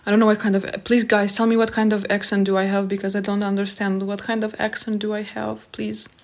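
A woman's voice: medium pitch, level tone, a little fast. Young Moldovan woman chatting on a phone stream. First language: Romanian. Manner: reads viewer comments aloud and answers them, friendly and chatty. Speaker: live streamer. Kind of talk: casual live-stream chat reading comments aloud. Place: small indoor room at home. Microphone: phone held close at arm's length.

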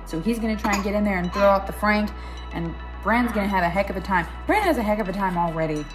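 A young woman chatting casually about a book she is reading, rambling a little and making self-deprecating asides, recorded at home in a living room on a tablet's built-in mic. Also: fairly low pitch. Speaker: book club vlogger. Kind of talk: casual book discussion chat. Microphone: tablet built-in mic, close and low.

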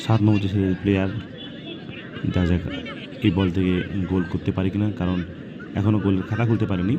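Man, deep-pitched, live match commentary, clipped repeated announcements, noisy outdoor ground with crowd. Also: level tone, fast talker, dull audio. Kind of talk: live penalty shootout commentary. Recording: loud outdoor crowd and ambient noise.

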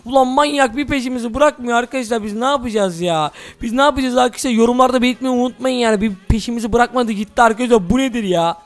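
A man hosting a Minecraft role-play, talking excitedly to his viewers as "friends". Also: extremely high pitch, quick pace, few pauses, soft background music. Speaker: gaming channel host.

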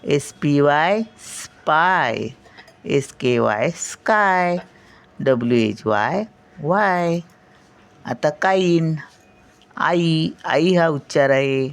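Older grandmother teaching kids spelling; very unhurried, letter-by-letter delivery with check-ins. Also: low-pitched, lively intonation. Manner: spells out each word slowly then says it, checking with "हं?". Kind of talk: slow spelling lesson, letter by letter.

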